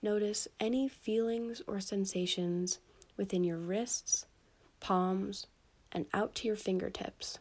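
Speaking softly and soothingly, a woman reads a scripted meditation meant to help listeners sleep, pausing between instructions. Her mid-range voice keeps a fairly even intonation.

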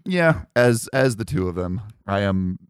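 A man's voice: on the low side, expressive, a little slow, clean tone, no room sound, studio quality. A young man hosting a casual podcast, chatting and telling stories about himself in a self-deprecating way. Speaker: podcast host. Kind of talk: casual chat.

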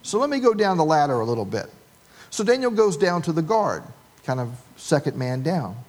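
A man's voice: a little high, sing-song, fairly quick. A man delivers a sermon in a slightly raised voice. He tells a long humorous story and gives the people in it voices. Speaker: pastor.

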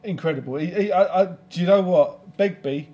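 Male co-host, slightly high pitch, casual, blunt, joking banter. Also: brisk, highs cut off. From London, England. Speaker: podcast co-host.

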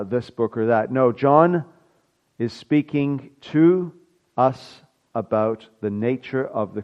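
A male pastor preaching a sermon in a conversational way, with asides and filler pauses. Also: mid-range voice, lo-fi sound.

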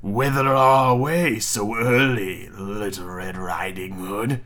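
A man voicing a sly, scheming wolf from a storybook, speaking slowly in a low hush that sinks toward a whisper. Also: fairly even intonation. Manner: slow, low, hushed and whispery.

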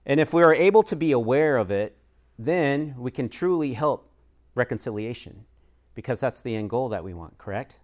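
A man from the United States speaks as a chaplain and pastor at a church discussion. He talks in a loose, conversational way, filling pauses with "uh" and "um" and laughing lightly now and then. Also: medium pitch, animated.

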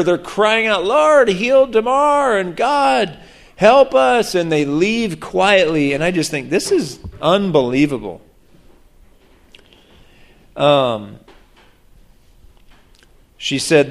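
Animated male preacher, slightly high voice. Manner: animated storytelling, acts out voices. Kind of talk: sermon on prayer.

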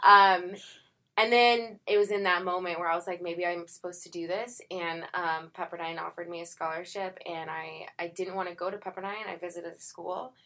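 A woman's voice: fairly low pitch, steady tone, moderate pace, creaky, sharp tone. A young adult actress, chatty and full of filler words, who acts out her own past thoughts while telling her story in an interview. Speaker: actress guest. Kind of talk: casual conversational interview.

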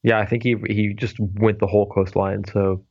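A man co-hosting a podcast in relaxed casual chat, full of fillers. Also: fairly low pitch, moderate pace, vocal fry, no echo, highs cut off. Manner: laid-back, filler-heavy. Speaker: podcast co-host.

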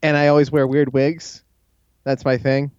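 A man hosting a podcast with casual banter, talking haltingly and repeating words as he goes. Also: mid-range voice, flat delivery, a little mellow, smooth, no echo, muffled recording. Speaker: podcast host. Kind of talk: casual banter between co-hosts.

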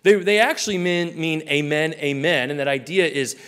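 A male pastor preaching a sermon earnestly, acting out small scenes in a quieter voice. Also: a little high, moderate pace, clear, resonant tone, long reverb tail.

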